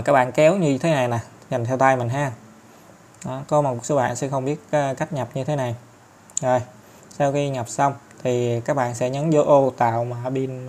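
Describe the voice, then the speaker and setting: A man with a Southern Vietnamese accent talking viewers through an app tutorial step by step, chatty and filling pauses often. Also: medium pitch, a little mellow. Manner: chatty, step-by-step, many fillers and tag particles. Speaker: tutorial host. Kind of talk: screen-recorded app tutorial.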